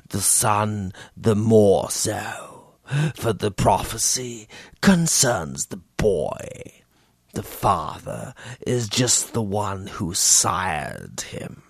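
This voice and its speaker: A male audiobook narrator voicing an old fanatical sorcerer priest who speaks low and breathless, in a whispery, gravelly way. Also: dry recording, exaggerated voice. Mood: cold. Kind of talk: audiobook character reading.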